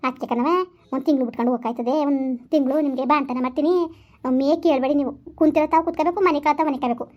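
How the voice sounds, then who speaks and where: A woman's voice: sits high, steady tone, very fast, natural voice. A woman voicing a kind elderly village woman, who talks in a soothing, motherly way. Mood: coaxing. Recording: muffled lo-fi recording.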